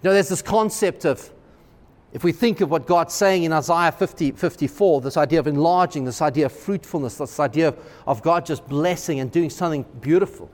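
Man, pastor, sermon, excitable, emphatic, repetitive refrains, highish voice, long church reverb. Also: a little fast. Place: church sanctuary.

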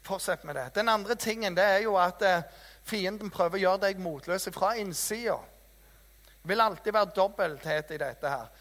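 High-voiced man preaching in a hall. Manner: lively storytelling, self-mocking. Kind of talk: sermon. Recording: reverberant hall.

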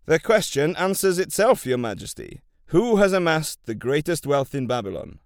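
A man voicing a deferential royal chancellor who explains matters in a courtly, careful manner, pitched a bit above his narration. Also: big pitch swings, moderate pace, no echo, studio quality.

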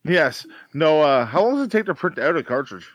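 A man's voice: fairly high pitch, big pitch swings, fairly quick, no echo. A man co-hosting a casual podcast, blunt and joking, with some swearing. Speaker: podcast co-host.

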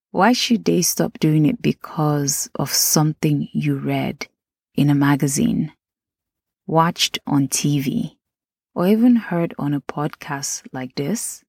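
A woman's voice: low-pitched, vocal fry, darkish tone, dry recording, studio quality. A woman with a Nigerian accent hosting a podcast, chatting casually and talking straight to her listeners. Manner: chatty, addresses listeners directly. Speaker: podcast host.

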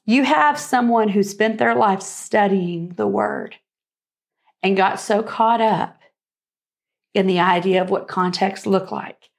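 Earnest woman with a creaky voice. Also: medium pitch, slow. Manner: earnest, reflective. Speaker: co-host. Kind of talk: faith-based conversational talk.

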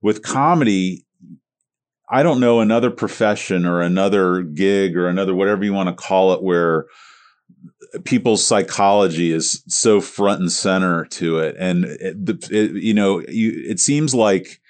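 A podcast host in his forties with a very deep voice, talking things through in a relaxed, reflective way. He asks his guest probing questions and thinks out loud as he goes. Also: normal speed. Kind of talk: casual interview chat.

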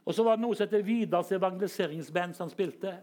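High-voiced preacher. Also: male voice. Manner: storytelling that swings up into shouted hallelujahs, chuckles. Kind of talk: charismatic sermon.

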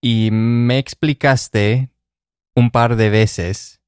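A man co-hosting a conversational Spanish lesson podcast, calmly offering tips and examples. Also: medium pitch, drawn-out words, smooth, no echo, clean studio sound. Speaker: co-host of a language podcast.

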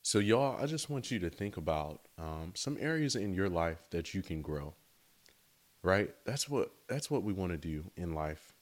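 A man's voice: low voice, animated, normal speed. A man giving a casual, enthusiastic devotional talk outdoors, speaking conversationally to his listeners. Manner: enthusiastic, conversational, often says "right?" and "y'all". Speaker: faith speaker.

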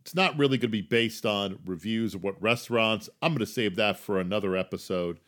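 A middle-aged man with a New Jersey accent hosting a casual solo podcast, chatty and self-deprecating, swinging between loud emphasis and quiet asides. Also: on the low side, a little fast. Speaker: podcast host.

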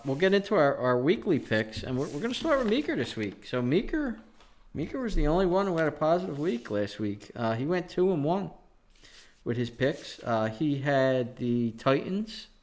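A man hosting a casual sports betting show, animated and sarcastic as he talks through the week. His voice sits at an ordinary middle pitch. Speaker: podcast host.

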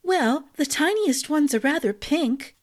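A woman's voice: high-pitched, expressive, measured pace, pitched above the performer's own voice. A woman voicing a newlywed young princess in a storybook reading, earnest and lightly amused. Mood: warm.

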